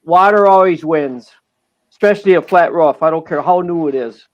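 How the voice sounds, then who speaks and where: A man's voice: on the high side, normal speed. Guy joking around on a stream, kinda dull muffled audio. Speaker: livestream guest. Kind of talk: casual chat.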